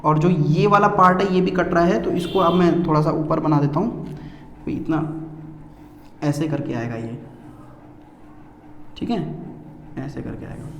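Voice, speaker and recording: A man's voice: a little high, measured pace, long pauses, a bit bright, a little hiss or hum. A man teaching a lesson to students, asking rhetorical questions while he draws and repeating key words. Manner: calls students "beta" and often says "theek hai". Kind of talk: classroom-style lesson. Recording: echoey room with faint ambience.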